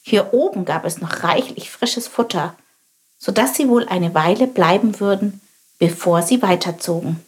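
A woman reading a children's storybook aloud in a lively, expressive way. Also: medium pitch, normal speed. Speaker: narrator.

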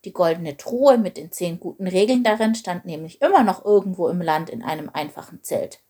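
A woman narrating a children's Bible story in a clear, steady read-aloud manner. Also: fairly low pitch, brisk.

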